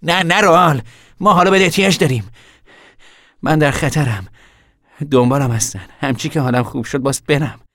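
A man's voice: long pauses, dry recording, clean studio sound. An actor playing a weary young man on the run who talks in a tired, grim way. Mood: earnest. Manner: tired, grim, low-voiced.

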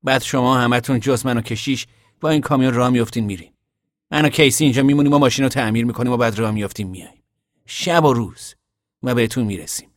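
A man voicing a steady, practical young man who lays out plans in an audiobook reading. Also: mid-range voice, dry recording, studio quality, voice pushed up, close to an everyday voice. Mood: explaining. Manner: level-headed, explaining plans. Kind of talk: audiobook character voice.

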